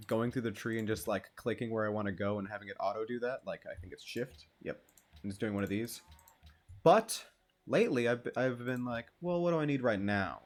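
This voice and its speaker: A man hosting his own gaming channel, giving laid-back, self-deprecating gameplay commentary and swearing freely as he plays. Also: lowish voice.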